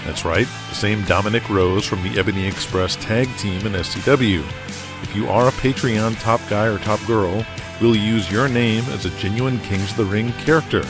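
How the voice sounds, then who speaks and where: A man with a fairly low voice announces a scripted audio drama at a moderate pace, narrating in dramatic storytelling style. Guitar music plays as a bed behind his voice.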